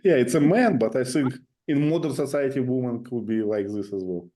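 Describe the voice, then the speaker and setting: A man's voice: mid-range voice, brisk, dark tone. A man leading a casual class discussion, prompting the others with questions. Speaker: discussion leader.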